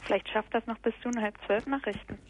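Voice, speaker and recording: A woman's voice: medium pitch, quick pace, husky, poor audio. A woman on a live radio show, throwing teasing questions at the hosts.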